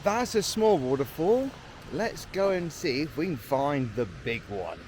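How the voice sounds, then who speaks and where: A man narrates his hike outdoors in a slow, unhurried way, his voice sitting a touch high. He talks straight to the camera he holds, slightly winded from the climb. A faint hum of outdoor ambience sits behind him. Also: animated, a little mellow. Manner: chatty, talks to the camera while hiking. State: a bit out of breath. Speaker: vlogger. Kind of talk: casual walking commentary. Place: outdoor mountain trail.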